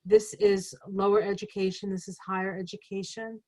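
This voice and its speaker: A woman's voice: medium pitch, little pitch movement, normal speed, warm tone, low-quality recording. A woman astrologer talking casually as a guest, rambling and chatty with many fillers. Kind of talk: casual conversation.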